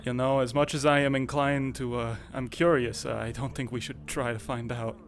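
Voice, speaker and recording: A man's voice: medium pitch, fairly even intonation, moderate pace, soft background music. A man roleplaying a war reporter in casual, joking in-character chat, rambling with fillers.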